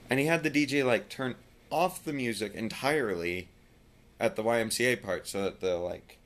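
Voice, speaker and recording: A tired man chatting casually in a home vlog, rambling and sometimes dropping his voice very low. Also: moderate pace, a bit bright. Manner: rambling, drops voice very low at times. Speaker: vlogger. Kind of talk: casual chat.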